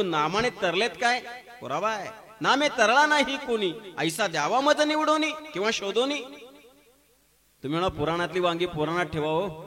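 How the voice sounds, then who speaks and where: A man's voice: high-pitched, a bit bright. A man with a Marathi accent preaching a devotional sermon at a temple gathering, telling stories with humor and emphatic exclamations. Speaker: kirtan preacher.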